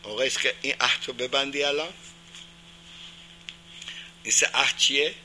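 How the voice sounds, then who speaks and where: A man's voice: medium pitch, pushed and bright, a little hiss or hum, poor audio. A man teaching a religious class, putting questions to his listeners and answering them emphatically.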